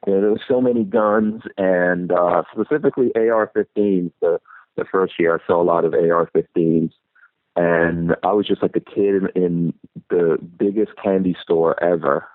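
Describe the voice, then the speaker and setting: Over a tinny phone line with no echo, a New York City–raised YouTuber talks at normal speed in a low voice with fairly even intonation. It's casual interview chat, and he is easygoing and reflective, wandering off and restarting as he goes.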